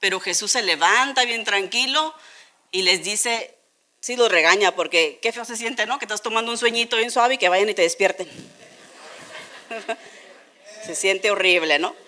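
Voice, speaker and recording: A woman from Tijuana with a northern Mexican accent, telling a Bible story to a young congregation in a playful, animated way, with many rhetorical questions. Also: mid-range voice, normal speed, long pauses. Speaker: children's church teacher. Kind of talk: lively Bible lesson sermon.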